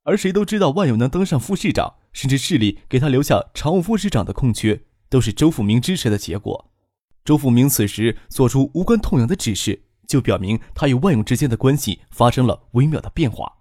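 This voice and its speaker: Male audiobook narrator, lively pitch, dry close studio sound. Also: brisk, no echo.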